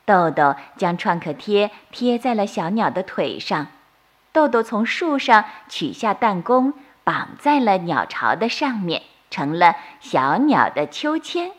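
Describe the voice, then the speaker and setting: Slow lilting woman telling bedtime stories. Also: mid-range voice, fairly bright tone. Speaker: storyteller host. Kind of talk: bedtime story narration for children.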